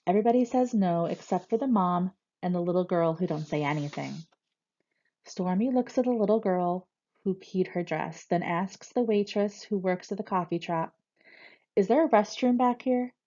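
A woman reading a first-person novel aloud with steady, expressive storytelling. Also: fairly low pitch, moderate pace, highs cut off. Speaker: reader.

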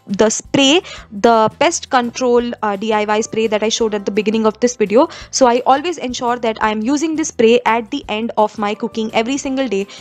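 A young woman from India giving kitchen cleaning tips in a conversational voice-over, with frequent fillers and restarts. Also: on the high side. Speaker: home vlogger.

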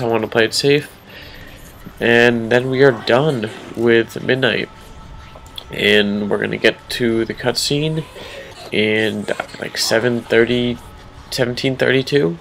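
A man's voice: medium pitch, gravelly, a little hiss or hum. Nasal young man explaining gameplay. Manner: relaxed, explanatory, frequent ums. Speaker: speedrunner. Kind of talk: casual gameplay commentary.

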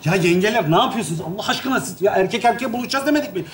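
A man acting in a stage comedy sketch, talking in an exasperated, loud way. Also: sits high, animated, racing, background noise.

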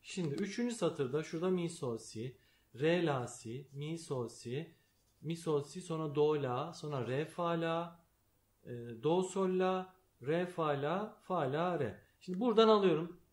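A man giving a slow, patient piano lesson, calling out note names as he plays. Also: fairly high pitch. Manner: calls out note names while playing, explains patiently. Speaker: piano teacher. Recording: piano music under the voice. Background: piano playing.

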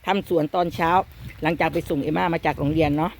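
A woman's voice: low voice, fairly even intonation, fast, darkish tone, slight background noise. A woman with an Isan accent chatting casually to the camera, self-mocking and full of exclamations, outdoors in her garden. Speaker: vlogger mother.

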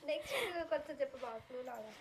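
A woman making quick urging asides from away from the mic in a family game. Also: high-pitched, very animated, very noisy. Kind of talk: casual family game chat.

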